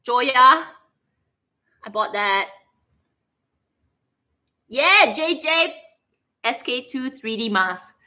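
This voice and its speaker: A high voice with drawn-out words and long pauses belongs to a Singaporean-accented livestream host chatting casually from her living room. Playful and animated, she rambles on and reacts aloud to comments from viewers.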